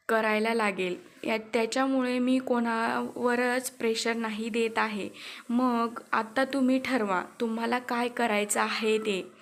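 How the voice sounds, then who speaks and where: Stern lecturing schoolteacher, read by a woman storyteller, fairly high voice, flat delivery. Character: strict woman teacher scolding her class.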